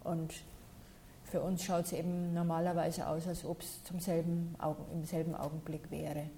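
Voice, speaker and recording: A woman with a low, mellow voice explains things in a measured, patient way. She answers listeners' questions as a meditation teacher. Her tone stays unhurried and steady throughout. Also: a little hiss or hum.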